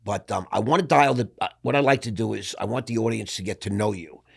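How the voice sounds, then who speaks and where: An older man hosting an interview, chummy and quick to cut in with his own remarks. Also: on the low side, vocal fry, breathy edge. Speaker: podcast host. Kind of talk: casual interview talk.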